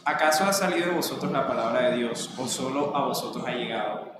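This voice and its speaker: A man with a Colombian Caribbean accent reads scripture aloud at an even pace. He is heard from far off in a big echoing hall, and heavy noise runs beneath his voice. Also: medium pitch, quick pace. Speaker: student reading scripture aloud.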